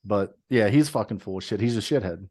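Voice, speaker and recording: A man's voice: lowish voice, a little fast, a little mellow. Profane, ranting man on a podcast. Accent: slight Texas twang. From moved to Texas. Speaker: podcast co-host. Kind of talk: casual chat.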